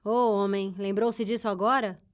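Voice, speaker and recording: A woman's voice: medium pitch, steady tone, moderate pace, a little mellow, natural voice. A woman voicing a brash, defensive male rider in a blustering, raised voice.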